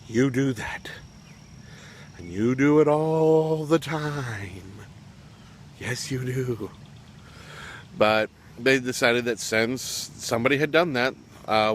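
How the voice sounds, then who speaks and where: A man's voice: medium pitch, fairly bright tone, a little hiss or hum. A man talking casually as he reviews a web series episode, rambling with fillers and throwing in jokey asides. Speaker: show reviewer.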